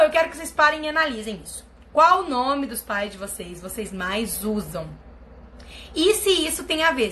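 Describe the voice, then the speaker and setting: A woman with a Brazilian Portuguese accent, chatting casually to her live-stream viewers as a family constellation therapist, telling stories with big swings in her voice. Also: slight background noise. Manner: animated storytelling with big pitch swings.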